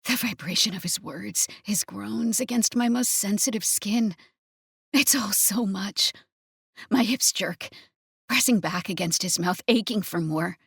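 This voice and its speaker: A woman narrating a first-person romance audiobook in a breathy, intimate manner. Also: mid-range voice, unhurried, no room sound, clean studio sound.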